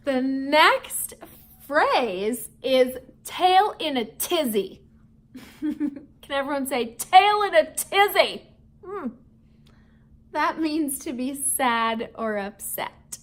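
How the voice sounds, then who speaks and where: An animated woman with a high-sitting voice talks extremely slowly as she teaches schoolchildren new words and reads them a storybook. Her manner is playful: she speaks to the children directly, poses questions, and chuckles a lot.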